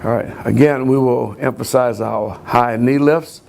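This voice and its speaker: A man's voice: mid-range voice, fairly even intonation, unhurried, vocal fry, darkish tone. A man coaching running backs, explaining drills step by step in a plain, repetitive way. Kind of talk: coaching instruction.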